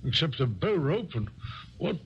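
An actor playing an earnest, slightly blustery gentleman doctor, a loyal companion who also narrates a 1970s radio drama. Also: fairly high pitch, very animated, normal speed, lo-fi sound, slight background noise. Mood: puzzled, eager.

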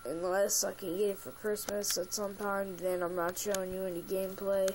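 A woman's voice: mid-range voice, flat delivery, moderate pace, a little mellow, slight background noise. A young woman talking in a casual gaming vlog into a phone mic, swearing constantly in a frustrated rant. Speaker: gaming vlogger.

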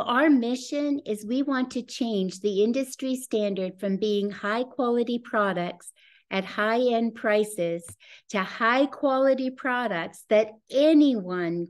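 Speaking slowly at a mid-range pitch, a sixty-something woman delivers an eager, heartfelt webinar pitch for a business opportunity, sharing her own testimonial. She joins by webcam on a video call from indoors at home, a scenic backdrop behind her.

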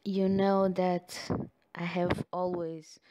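Her voice is fairly low, warm and flat in delivery, and the recording sounds muffled. Not a native English speaker, the woman talks directly to the listener in a tender ASMR girlfriend roleplay, slowly and affectionately, sighing and giggling a lot.

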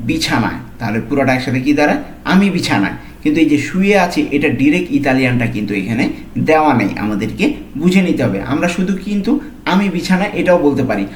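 A man with a somewhat high voice gives a language lesson. He goes slowly and repeats each phrase piece by piece. The room around him echoes noticeably. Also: a little hiss or hum. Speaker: language tutor. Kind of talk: lesson narration.

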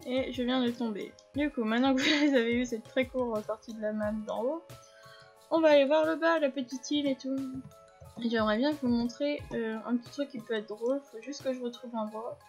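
Female gaming host, a touch high-pitched, casual and chatty commentary over quiet game music. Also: a little fast. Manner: chatty, explains controls to viewers, frequent fillers. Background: faint game music.

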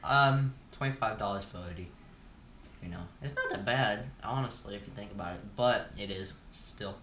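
A man's voice: fairly low pitch, moderate pace, pushed and bright, a little hiss or hum. Rambling teen guy vlogging, gum in mouth. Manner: rambling, laid-back, many fillers. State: chewing gum while talking. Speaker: YouTuber host. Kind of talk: casual Q&A vlog. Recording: roomy echo, from a distance.

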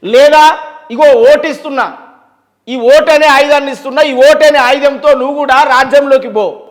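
High-pitched emphatic man with a Telangana accent. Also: normal speed. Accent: Telangana Telugu. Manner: emphatic, rhetorical questions and long lists. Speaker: interview guest. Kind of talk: impassioned interview talk.

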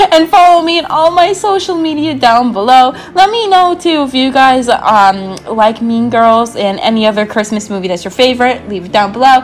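A young woman who creates gaming videos talks at normal speed in a high, expressive voice, with background music behind her. Though her throat is slightly sore, she stays bubbly and rambling, often saying "like" and wandering into asides.

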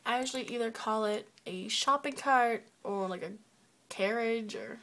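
A woman's voice: fairly high pitch, a bit bright, slight background noise. A teenage girl from the United States, casually reading a word list one word at a time. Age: teens. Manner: unhurried, reads words one by one. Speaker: video blogger.

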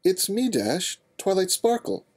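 A man voicing an anxious, bookish young female unicorn with a high, fretful voice. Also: very animated, exaggerated voice. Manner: fretful, rapid, raised.

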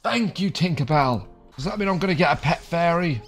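A man's voice: a little high, animated, fairly quick, faint music behind. A man giving playful, improvised gameplay commentary in a jokey, mock-dramatic manner. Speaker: gaming host.

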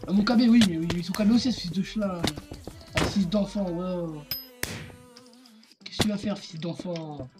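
A woman's voice: fairly low pitch, moderate pace, pauses often. A woman raging as she comments on her own gameplay, swearing in exasperated outbursts. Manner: raging gamer, foul-mouthed, exasperated outbursts. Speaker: gamer recording gameplay. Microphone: computer mic picking up keyboard and mouse. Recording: loud music behind the voice. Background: music.

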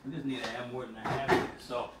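A man in his fifties hosts a casual live cooking show in his home kitchen, talking rapid-fire in a mid-range voice. He's animated and playful, humming as he savors his food aloud. A phone camera on the counter picks him up in the echoey kitchen, with noise in the background.

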